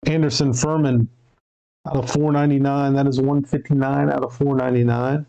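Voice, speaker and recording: A man's voice: medium pitch, level tone, fairly quick, creaky, dark tone, smooth, poor audio. A man hosting a sports card break, reading out player names and serial numbers and correcting himself as he goes. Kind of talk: live card break commentary.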